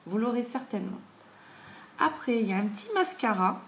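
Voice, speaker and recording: Relaxed and talkative, a beauty vlogger in her thirties goes over products in a casual review, frequently stalling on fillers. Her pitch is mid-range, and the camera mic picks up an echoey home room with faint background noise.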